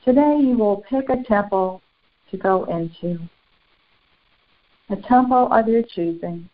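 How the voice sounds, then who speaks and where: A woman with a mid-range voice leads a guided spiritual meditation, using solemn, formal, ceremonial wording in deliberate phrases separated by long pauses. The sound is muffled and narrow, like a phone line.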